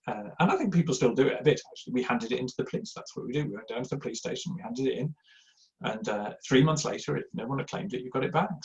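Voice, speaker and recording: A middle-aged man, giving a rambling, anecdotal, self-deprecating talk on giving to a live audience, with plenty of ums and uhs. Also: mid-range voice. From Yorkshire, England. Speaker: church giving speaker. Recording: slightly dull lo-fi sound.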